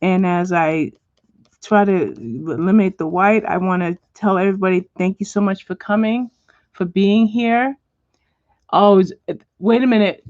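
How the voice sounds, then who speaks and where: A woman hosting a home livestream as she colors. She chats with viewers and answers them by name, and now and then she drops to a soft whisper. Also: medium pitch, measured pace, no echo, highs cut off. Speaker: livestream host. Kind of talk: casual chat while coloring, reading viewer comments. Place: at home, indoors.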